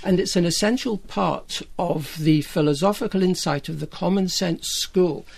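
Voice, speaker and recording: A man with a Scottish accent, a panel guest speaking in a measured, hesitant way with frequent fillers. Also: high-pitched, creaky, darkish tone. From Scotland. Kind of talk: academic panel discussion.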